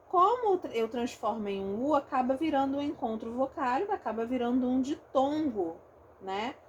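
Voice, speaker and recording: A woman's voice: on the high side, a little hiss or hum. A woman with a Rio de Janeiro accent, a phonetics teacher explaining a lesson step by step and often checking in with her students. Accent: Rio de Janeiro Portuguese. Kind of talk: recorded online lesson.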